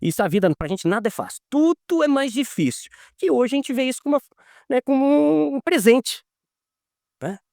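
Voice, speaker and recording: A man's voice: extremely high pitch, moderate pace, creaky, no room sound, studio quality. A man, a lawyer being interviewed, telling stories casually and acting out the dialogue as he goes. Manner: animated, acts out quoted dialogue.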